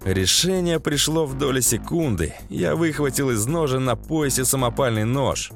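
A man narrating an audiobook in the first person, in a lively, coarse-spoken way. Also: medium pitch, normal speed, vocal fry, faint music behind.

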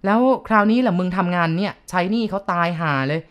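A woman's voice: lowish voice, fast talker, fairly bright tone, natural voice. A woman voicing a blunt middle-aged man who scolds coarsely. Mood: gruff.

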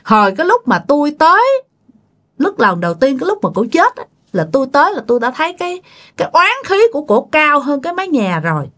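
A woman's voice: high voice, huge pitch swings, quick pace, a bit bright, heavily acted. A woman voicing a stern older male exorcist scolding a family for their cruelty.

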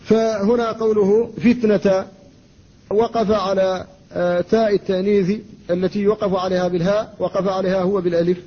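A man, an Islamic scholar, giving a classroom lecture on Quran recitation. He explains rules at a measured teaching pace, recites verses slowly and stops to answer students. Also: high voice, level tone, warm tone, breathy edge. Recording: dull lo-fi lecture recording with faint noise.

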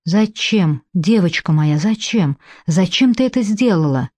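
A woman doing a gentle, pleading man. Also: fairly low pitch, expressive, measured pace, dry recording. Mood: tender. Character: tender grieving man, old friend.

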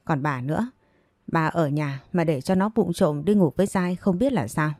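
A woman's voice: sits low, fairly quick, darkish tone, no room sound, clean studio sound, lightly acted. A woman voicing an angry village father who berates his daughter harshly. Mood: furious. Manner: harsh, furious. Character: furious old village father shouting.

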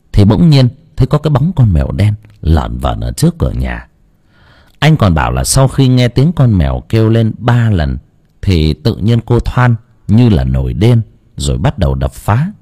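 A man narrating an audio novel in an expressive, storytelling manner. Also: low voice, slightly rough.

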